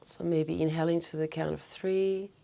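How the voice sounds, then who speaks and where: Female breathwork guide: soft mellow tone, touch of vocal fry, unhurried soothing instructions, slight noise behind. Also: low-pitched, fairly even intonation. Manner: soothing, unhurried guidance with short phrases.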